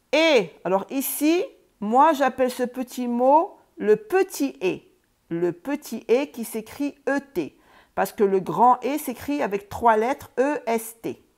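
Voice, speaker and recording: A woman teaching reading and spelling, sounding out words slowly, syllable by syllable. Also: fairly high pitch, a little mellow, smooth. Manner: slow, syllable by syllable, sounding out letters.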